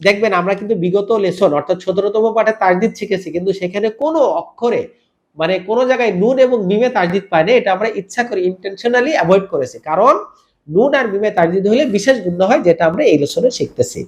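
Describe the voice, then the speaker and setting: Man teaching slow, chanted Quran recitation. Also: high-pitched, darkish tone, highs cut off. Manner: spells out letters and vowel marks, then draws out each word slowly in chanted recitation; asks the listener to repeat after him. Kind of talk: step-by-step tajweed lesson.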